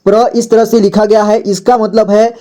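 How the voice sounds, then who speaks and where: High, mellow-voiced man teaching reading. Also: level tone, moderate pace. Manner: patient, repeats each word twice and explains letters. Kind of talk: slow word-by-word reading lesson.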